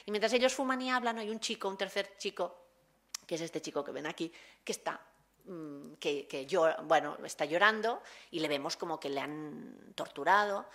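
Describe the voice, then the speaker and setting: A woman's voice: on the low side, moderate pace, fairly bright tone. A woman researcher giving a conference talk, retelling a short film vividly and acting out its dialogue.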